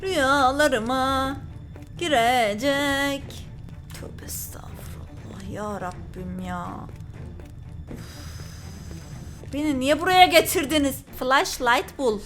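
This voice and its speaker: High bright lady doing horror game commentary, easily spooked, chats to her viewers, faint music under it. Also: animated, takes it slowly, long pauses. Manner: jumpy, talks to viewers, reads in-game notes aloud. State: frightened. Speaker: gaming channel host.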